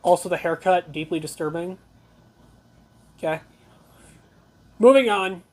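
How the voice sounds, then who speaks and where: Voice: mid-range voice, measured pace, a little hiss or hum. A talk show host giving blunt, conversational news commentary, reading reports aloud with opinionated asides.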